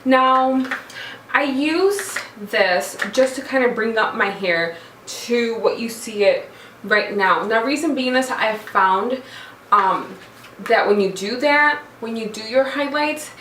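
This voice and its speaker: Echoey, higher-voiced woman chatting to camera. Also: a bit bright. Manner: chatty, informal, self-deprecating. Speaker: hair vlogger. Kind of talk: casual chat to camera, tutorial. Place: echoey cramped room indoors, standing. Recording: very echoey small room, far mic, faint noise.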